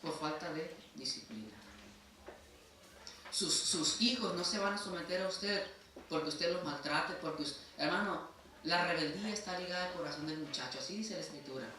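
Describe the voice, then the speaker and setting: Emphatic Mexican pastor, bright echoey hall. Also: male voice, a little high, moderate pace. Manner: emphatic, repeatedly addresses listeners as brother. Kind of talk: sermon. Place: church sanctuary. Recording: echoey church hall from far off, faint noise.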